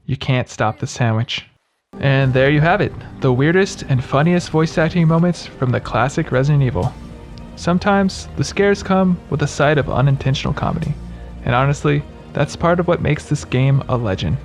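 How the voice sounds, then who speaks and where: A man's voice: fairly high pitch, animated, normal speed, soft background music. A man narrating scripted humorous commentary as a video host, in a sarcastic, mocking manner.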